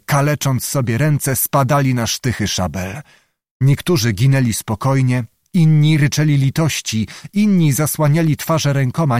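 A man reads a historical novel aloud in a measured, dramatic way, as an audiobook narrator. His voice sits at a mid pitch. The sound is dry and close, with no room around it. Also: a little mellow, no echo.

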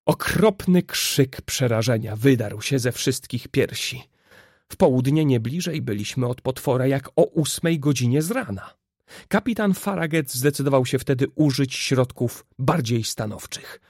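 A man reading a classic adventure novel as an audiobook, with steady, expressive storytelling. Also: mid-range voice, a little slow, dry recording, clean studio sound. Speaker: narrator.

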